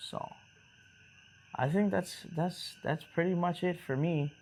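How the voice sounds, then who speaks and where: A man co-hosting a relaxed talk show with his partner, rambling casually with restarts and easygoing slang. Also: high voice, unhurried, a little hiss or hum. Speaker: co-host of a couple's talk show. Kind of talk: casual chat.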